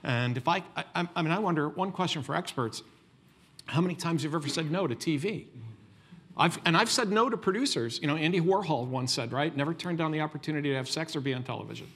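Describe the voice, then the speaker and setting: Restarting, animated male panelist. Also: a little high, fast, a little hiss or hum. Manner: thinking aloud with many restarts. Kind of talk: panel discussion answer.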